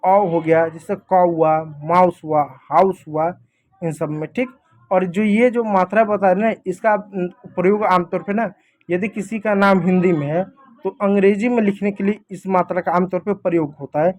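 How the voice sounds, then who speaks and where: High-voiced man teaching a lesson. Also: steady tone, moderate pace, a little mellow. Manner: explains step by step, repeats "thik hai" often. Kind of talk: casual classroom lesson.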